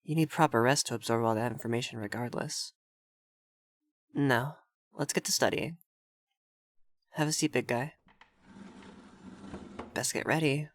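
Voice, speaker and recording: A man voices an effeminate vampire lord for ASMR roleplay, prim and haughty, issuing orders with tsundere fluster while sounding encouraging and teasing. He speaks at a medium pitch, a little slowly with long pauses, in a lightly acted style. The recording is intimate, very dry and free of room sound.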